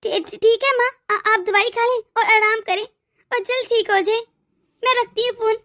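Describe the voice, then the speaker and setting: A woman's voice: very high-pitched, fairly even intonation, moderate pace, a bit bright. A woman voicing an emotional young wife and devoted daughter in a cartoon story, often stammering over her words. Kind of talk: cartoon voice acting.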